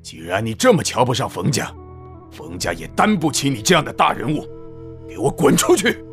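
A man's voice: mid-range voice, huge pitch swings, moderate pace, a bit bright. A man playing a commanding, scathing middle-aged patriarch in an audiobook drama. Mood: furious. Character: stern, indignant middle-aged household patriarch. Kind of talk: Chinese audiobook drama acting. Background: background music.

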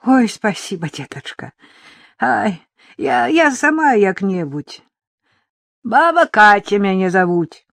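A woman's voice: medium pitch, sing-song, slow pace, fairly bright tone, no echo, clean studio sound, voice pushed up, full character voice. A woman voicing a terse, wary old village woman who speaks in a rural Belarusian-tinged dialect, for an audiobook. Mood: gruff, wary.

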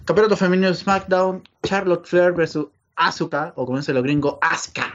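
A man's voice: sits high, fast. A man with a Chilean accent hosting a casual wrestling podcast, rambling and slangy with many fillers. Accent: Chilean Spanish. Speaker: podcast host. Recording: dull lo-fi sound.

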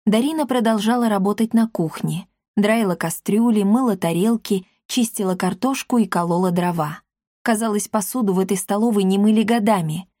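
A woman reading a children's book aloud in an even, measured storytelling voice. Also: mid-range voice, dry recording, studio quality. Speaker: audiobook narrator. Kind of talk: scripted narration of a children's book.

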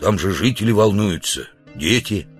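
A man's voice: low-pitched, lively intonation, moderate pace, breathy edge, soft background music. A man voicing a practical, insistent hero in a children's audiobook, in a plain voice. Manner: insistent, matter-of-fact.

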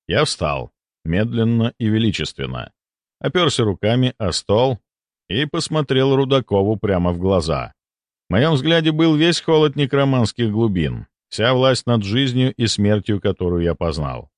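A man narrating an audiobook in the first person with a dramatic, expressive reading on a close studio mic. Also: fairly low pitch, moderate pace, no echo.

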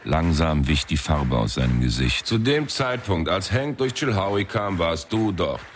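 A man's voice: low-pitched, very animated, normal speed, slight background noise. A man narrating and playing the detective in a radio drama, dry and laconic.

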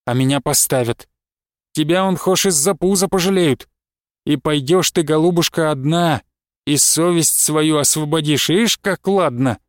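A man's voice: fairly high pitch, no echo, clean studio sound, natural voice. A man reading aloud and voicing a spiteful, embittered husband who drags his words out with a sneer and flares into angry outbursts. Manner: sneering, drawn-out, flaring into shouts.

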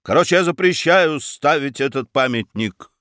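A stubborn, wistful old baron who talks in a quiet, measured way, as a man reads him aloud. His lines come soft and unhurried. The recording is dry and close, with no room sound. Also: a little high, animated, dry recording, voice pushed up. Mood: indignant. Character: aging male baron, calm, stubborn, wistful.

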